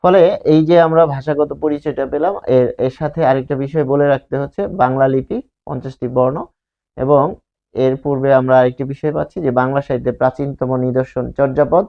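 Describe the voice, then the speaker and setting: A man's voice: mid-range voice, level tone, a little fast. Man, grammar teacher, explanatory, asks himself questions, lo-fi sound. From Bangladesh. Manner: explanatory, pointing things out, asks and answers his own questions. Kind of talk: classroom lesson explaining slides. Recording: slightly dull lo-fi recording.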